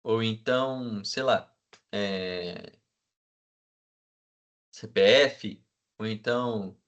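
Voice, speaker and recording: A man teaching a class, checking in with the students all the time and filling pauses with hesitant sounds. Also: on the low side, clear, resonant tone. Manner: asks the class for agreement constantly; fills with "né?" and hesitant "é". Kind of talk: classroom lecture.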